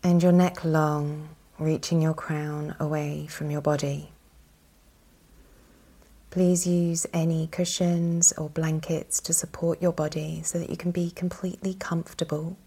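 Leading a yoga nidra session as the instructor, this woman speaks in a low-pitched, soft and breathy way. She sounds calm and soothing and leaves long pauses.

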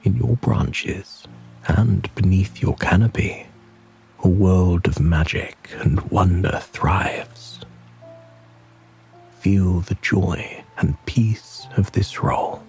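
A man narrating a soothing sleep story and guided relaxation in a calm, gentle, soft breathy voice. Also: deep voice.

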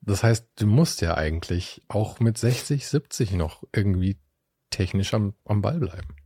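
Deep, dark-voiced podcast host. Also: male voice, lively intonation, moderate pace, breathy edge, no echo, clean studio sound. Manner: chatty, conversational, reflective. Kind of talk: casual podcast conversation.

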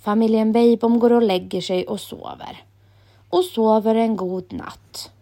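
A woman calmly reading a children's story aloud in a gentle storytelling manner. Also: on the high side.

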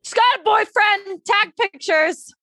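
A young adult woman co-hosting a podcast in casual, comedic chat, blunt and dramatic and quick to swear. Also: extremely high pitch, gravelly, bright, forceful tone, no room sound, clean studio sound. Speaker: podcast co-host.

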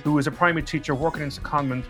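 A man's voice: fairly high pitch, fairly even intonation, racing, music in the background. A man with an Irish accent hosting a podcast in a chatty, bantering, conversational way. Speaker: podcast host.

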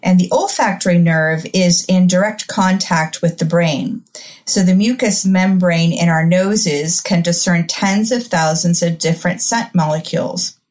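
A woman with a Midwestern accent talks in a gentle, earnest way. Her voice sits a little low, and she lays out each idea with calm, steady explanation in a casual chat. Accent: Midwestern American.

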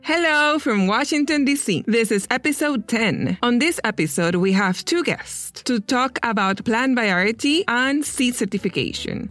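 Woman, podcast host, fairly high pitch, clear, formal reading. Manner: clear, formal read introductions. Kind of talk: scripted podcast hosting.

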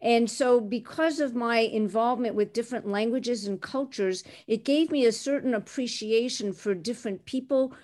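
This Canadian woman in her sixties is a recruiter recounting her career in an interview, answering with articulate, self-assured ease. Her voice sits on the high side and is a little mellow, moving at a moderate pace with hardly any pauses.

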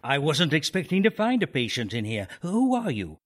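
A man's voice: fairly high pitch, wildly swooping pitch, normal speed, background noise. An actor playing a pompous, evasive male doctor in a comic radio drama, with hesitant clinical phrasing. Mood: breezy, evasive. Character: self-styled clinic doctor, pompous, smooth-talking and evasive man.

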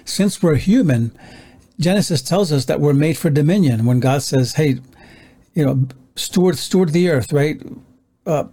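A man preaching a sermon, teaching in a measured, earnest way and quoting scripture as he goes. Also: on the high side, mellow, breathy edge.

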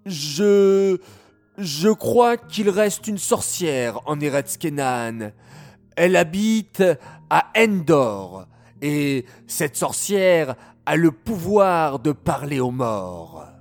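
A man's voice: fairly high pitch, very animated, extremely slow, full character voice. A man voicing nervous servants of a king in a children's story, stammering and hesitant. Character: timid stammering male royal servants.

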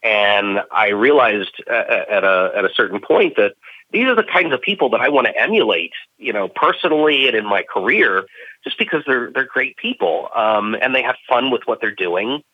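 An eager man from Maryland talking as a guest, his stories bouncing between low asides and excited peaks. The audio is dry and slightly muffled, with a lo-fi dullness. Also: normal speed, no room sound. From Maryland, USA. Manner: eager, animated storyteller. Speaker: guest voice actor. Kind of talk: casual interview talk.

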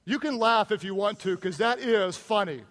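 A man's voice: high-pitched, moderate pace, fairly bright tone, big-room sound. A man preaching a sermon, retelling a Bible story with humor and emphatic asides. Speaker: pastor.

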